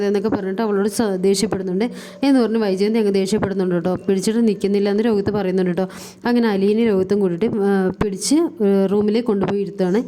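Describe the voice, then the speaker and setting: A woman recounts a TV serial's plot in a quick, chatty stream, her words tumbling out fast. Her tone is mellow and soft-edged, and her talk is loose and casual, sprinkled with fillers and tag words. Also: mid-range voice, slight background noise. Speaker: serial review vlogger.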